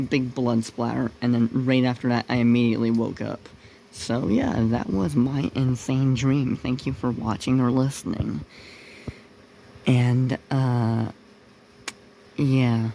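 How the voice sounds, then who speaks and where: A young man telling a personal story in a casual, unscripted way, halting and rambling as he searches for words. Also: medium pitch, creaky, mellow, slight background noise, low-quality recording. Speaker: video creator narrating a personal story.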